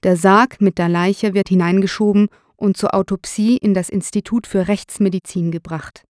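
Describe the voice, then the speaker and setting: Brief: female narrator, measured scripted reading, dry studio. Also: mid-range voice, steady tone, a little mellow, no room sound. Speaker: audiobook narrator.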